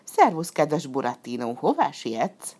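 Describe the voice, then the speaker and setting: A woman voicing a sly, flattering female fox in a storybook reading, with a sweet, wheedling, drawn-out way of talking. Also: low-pitched.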